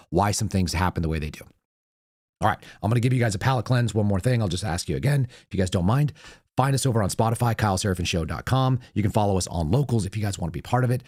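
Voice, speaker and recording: An American man hosting a casual solo talk show, his voice raspy, reedy and hoarse. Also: fairly low pitch, a little mellow, no echo, clean studio sound. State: hoarse, voice partly lost. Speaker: podcast host.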